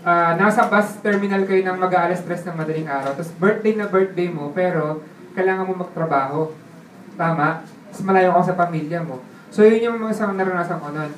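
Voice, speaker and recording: A man telling his life story in a casual way, laughing often and checking in with the listener through quick tag questions. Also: high voice, slight background noise. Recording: roomy sound from a distant mic with faint ambience.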